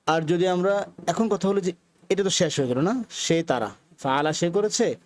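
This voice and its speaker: A young man teaching grammar in a video lesson, patiently repeating words slowly for practice. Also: high-pitched.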